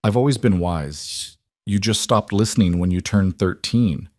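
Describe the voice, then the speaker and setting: A man's voice: on the low side, measured pace, no echo, studio quality, natural voice. A man doing a coaxing older mother. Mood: gentle. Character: warm, wise older mother, gently persistent.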